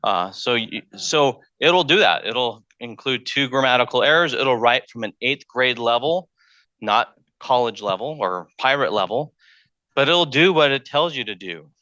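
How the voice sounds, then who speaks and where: Chatty male college lecturer, bright tone. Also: mid-range voice, animated, moderate pace, no room sound, lo-fi sound. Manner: conversational, thinks aloud, repeats words. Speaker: math lecturer. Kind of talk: public lecture. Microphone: handheld mic.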